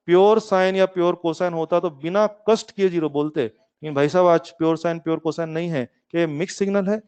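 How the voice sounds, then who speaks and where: A man's voice: a little high, a little mellow, smooth. A man teaching a physics class in with a coaxing, playful manner, calling his students kids and urging them on. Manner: playful, calls himself lazy. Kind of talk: online classroom lecture. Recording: slightly muffled lecture recording.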